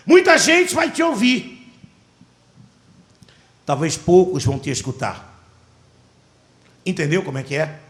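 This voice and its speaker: A man with a Brazilian Portuguese accent, a pastor preaching a sermon and telling a story with animated, dramatic delivery. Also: high voice, reverberant.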